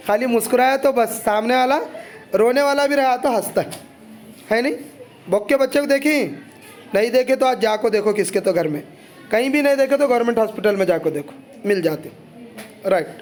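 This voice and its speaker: A man teaches a poem to his students in a very high voice. He walks through it line by line, chatty and loose, and breaks off for side remarks. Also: a little mellow. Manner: chatty, explains line by line with asides.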